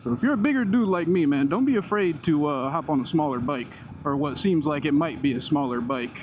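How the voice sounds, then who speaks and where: A man's voice: on the high side, expressive, brisk, a little mellow. Man talking inside a helmet while riding. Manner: laid-back enthusiastic, talking to himself and viewers while riding. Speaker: motorcycle vlogger. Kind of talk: casual riding commentary. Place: inside a helmet on a moving motorcycle, outdoors. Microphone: helmet mic right in front of the mouth. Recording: wind and engine noise in helmet. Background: motorcycle engine, wind noise.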